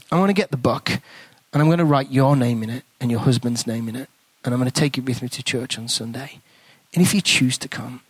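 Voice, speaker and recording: With no room sound, a medium-pitched male voice is heard preaching: he's a guest speaker with an English accent whose sermon centers on a story told in a chatty, conversational way. When he prays, he drops to a hushed whisper.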